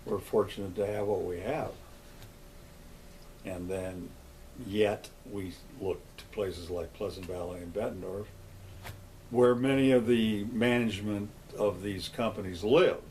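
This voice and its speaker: A longtime local, an older man, gives a plain-spoken, conversational oral history interview, often raising questions and answering them. He speaks at a measured pace in a lowish, darkish voice; the low-quality recording has a little hiss or hum.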